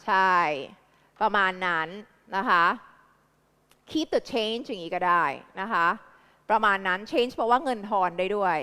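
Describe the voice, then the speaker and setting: A Thai woman tutoring a live class in English vocabulary, with a Thai accent, firing quick repeated questions at her students. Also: medium pitch, sharp tone, clean tone, in a large hall. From Thailand.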